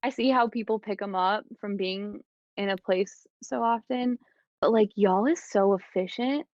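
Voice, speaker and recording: A young woman from the Midwest, talking casually as a podcast guest. She chats with plenty of fillers and retells stories with animation. Her voice is mid-pitched and the recording sounds dull and dry. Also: measured pace, a little mellow, dry recording. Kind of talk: casual chat.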